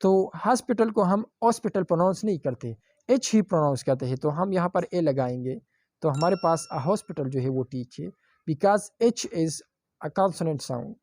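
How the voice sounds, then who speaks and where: A man teaching an online grammar lecture, explaining step by step and repeating examples slowly, with English phrases mixed into his explanations. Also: a little high, expressive, darkish tone, no room sound.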